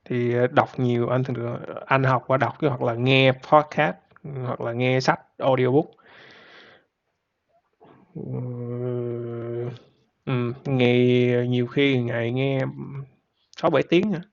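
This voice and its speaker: A man hosting a podcast, chatting casually and rambling in a relaxed way, laughing easily. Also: mid-range voice, slow pace. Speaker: podcast host. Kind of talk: casual chat. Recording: dull lo-fi sound.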